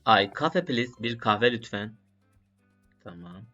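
A man's voice: lowish voice, expressive, takes it slowly, sharp tone. A man studying on camera, thinking aloud and repeating short phrases to himself in a casual vlog. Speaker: language learner vlogger. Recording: dull lo-fi sound with faint music.

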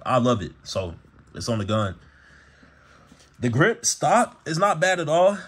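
Husky, slangy man vlogging casually. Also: a little high, very animated, a little slow, fairly bright tone. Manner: slangy, laid-back, peppered with "bro" and "y'all". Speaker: gun channel vlogger. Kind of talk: casual gear showcase to camera.

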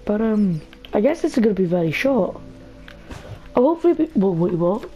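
A young woman gives casual, chatty gameplay commentary in a brisk, dark-toned mid-range voice with big pitch swings, talking nervously to her viewers and to a game character. The mic sounds dull and lo-fi, with faint game music behind her.

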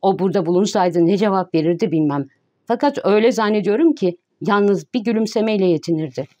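A woman's voice: mid-range voice, fast talker, natural voice. A woman reading the lines of a thoughtful young male writer who answers in a dry voice in an audiobook. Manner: dry, flat-voiced reply.

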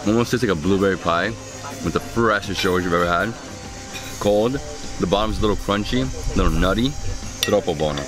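A man in his thirties speaks in a very low voice as he tastes dishes outdoors, holding the camera at arm's length. He is effusive and keeps murmuring with pleasure between remarks. Clear music plays under his voice. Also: fairly quick, poor audio. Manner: enthusiastic, savoring food with frequent mms. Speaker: food travel vlogger. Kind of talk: casual food vlog narration. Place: outdoor restaurant terrace under a vine pergola. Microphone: camera held at arm's length.

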